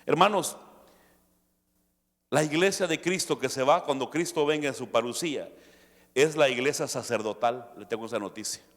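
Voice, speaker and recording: A male pastor preaching a sermon, shifting between quiet asides and loud emphatic peaks. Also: medium pitch, moderate pace, pauses often. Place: church hall. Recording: long hall reverb.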